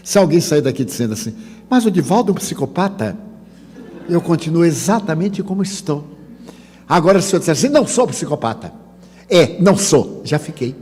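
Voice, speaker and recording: An older man with a Bahian Brazilian accent, giving a spiritist lecture full of humorous anecdotes and acting out dialogue. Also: fairly high pitch. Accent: Bahian Brazilian Portuguese. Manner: animated storytelling, acts out dialogue. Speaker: spiritist speaker. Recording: long hall reverb.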